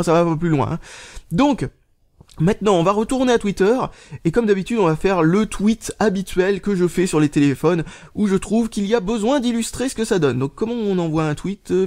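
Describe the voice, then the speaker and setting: A man giving a casual hands-on phone review, halting and full of restarts, muttering and swearing under his breath as he types. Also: on the high side, a little mellow. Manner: halting, many fillers and restarts, mutters while typing. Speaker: tech reviewer.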